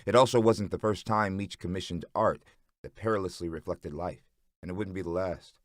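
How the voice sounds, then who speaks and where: A man narrating an audiobook chapter in a steady, dramatic storytelling manner. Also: low-pitched, brisk, no room sound, clean studio sound.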